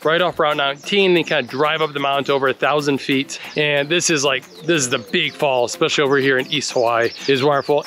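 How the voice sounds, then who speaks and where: A man's voice: a little high, sharp tone. A man in his thirties hosting a casual travel vlog outdoors, giving friendly tips while walking with a handheld camera. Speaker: travel guide host. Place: outdoors on tropical trails and roadsides. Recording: music playing behind the voice.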